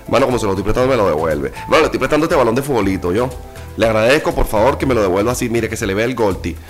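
A man's voice: animated, rapid-fire, faint music behind, lightly acted. A man voicing a casual male friend who lends his axe and fusses that it must come back as it left. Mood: fussy, chummy. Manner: lower, quieter, chummy slangy warnings.

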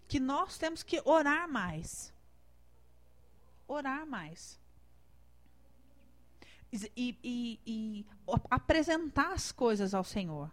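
A woman's voice: on the high side, sing-song, takes it slowly, pauses often. A woman with a Brazilian Portuguese accent, preaching in a conversational, emotional way and telling her own story. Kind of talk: sermon with personal testimony.

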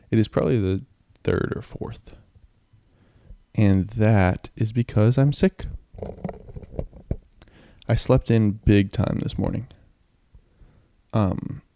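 A young man with a phlegmy, sick throat rambles in a low-key way as he hosts a casual solo podcast into a close handheld mic. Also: dark tone, dry recording. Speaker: podcast host. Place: in bed, indoors. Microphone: handheld mic and audio recorder, close.

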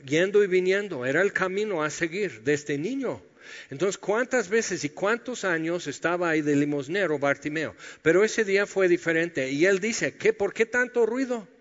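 A man delivers a sermon and acts out Bible scenes with humor. His voice sits fairly high. The sound is dull and lo-fi, with a long reverb trailing through a large hall. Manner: lively storytelling, acting out biblical scenes with humor. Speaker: pastor.

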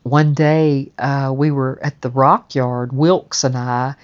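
A woman's voice: rumbling low, fairly even intonation, takes it slowly. A woman telling a personal story in a chatty, rambling way, full of fillers and restarts. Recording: dull, muffled audio.

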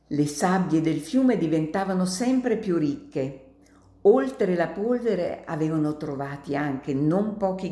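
Slow, low-voiced woman storyteller. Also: warm tone, reverberant. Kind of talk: reading a story aloud.

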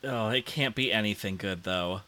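A man co-hosting a casual chat, talking slowly and haltingly with lots of fillers as he reviews a TV episode. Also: lowish voice, a crowd in the background. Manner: slow, hesitant, many fillers. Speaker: podcast co-host.

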